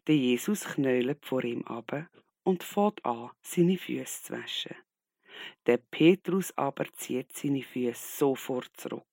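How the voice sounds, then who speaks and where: Slow, gravelly storyteller. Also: male voice, medium pitch, animated, darkish tone, dry recording, studio quality. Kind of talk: Bible story narration for children.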